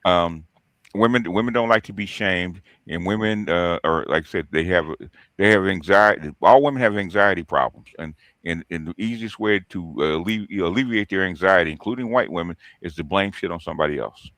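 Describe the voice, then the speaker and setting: Man, deep voice, dry sound, casual opinionated panelist, halting, emphatic, repetitive. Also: fairly bright tone, no echo. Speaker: talk show panelist.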